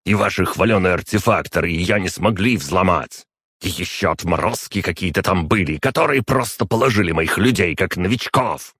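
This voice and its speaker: A man's voice: low-pitched, normal speed, a bit bright, husky, no room sound, clean studio sound, pitched above the performer's own voice. A man voicing a furious young man, a general's son, who hisses in a half-whisper that breaks into growls. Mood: angry. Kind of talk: audiobook character voice.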